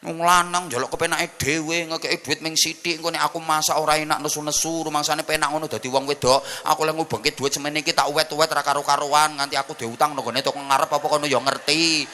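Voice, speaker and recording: Preacher playing a nagging wife in a long aggrieved rant, bright voice. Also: male voice, on the high side, little pitch movement, fast, few pauses, slight background noise. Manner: ranting, aggrieved. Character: nagging wife complaining about her husband.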